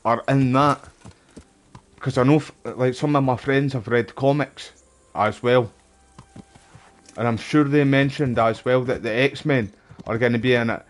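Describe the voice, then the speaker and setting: A man with a Glasgow street accent giving casual, rambling gameplay commentary, full of cheeky slang and swearing. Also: medium pitch. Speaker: gaming streamer.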